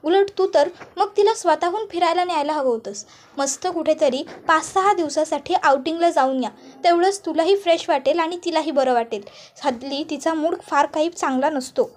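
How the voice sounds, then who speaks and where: Give me a stern, commanding mother-in-law, read out by a woman in a high voice. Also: moderate pace, a little mellow, lightly acted. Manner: scolding, commanding.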